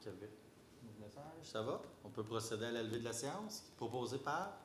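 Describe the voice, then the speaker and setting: Québécois mayor in an echoey chamber. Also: male voice, mid-range voice, very animated, moderate pace. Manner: conversational, many fillers and restarts. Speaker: mayor chairing a council meeting. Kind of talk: explaining and answering at a public meeting. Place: council chamber. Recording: echoey chamber with faint background noise.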